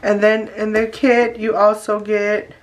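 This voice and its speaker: A beauty vlogger unboxes nail products while chatting casually and directly to her viewers. Her medium-pitched voice is congested and nasal from allergies, with little pitch movement and an unhurried pace. There's noise in the background.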